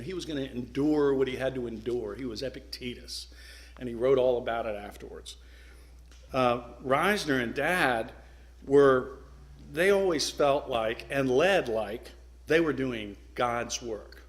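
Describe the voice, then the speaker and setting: A middle-aged man giving an earnest, emphatic speech to a club, pausing for effect and sometimes restarting his sentences. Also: medium pitch, fairly bright tone. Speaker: guest speaker.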